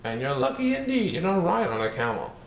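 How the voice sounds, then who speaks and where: A man's voice: high voice, wildly swooping pitch, fairly quick, creaky, heavily acted. A man voicing a playful, mischievous male cartoon cat, reading a rhyming storybook in a sing-song, bouncy way. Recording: roomy echo, faint hiss.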